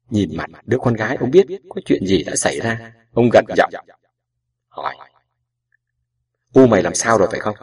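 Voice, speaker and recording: A man narrating a novel as an audiobook in a slow, measured storytelling way. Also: mid-range voice, husky. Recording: distant mic with background music.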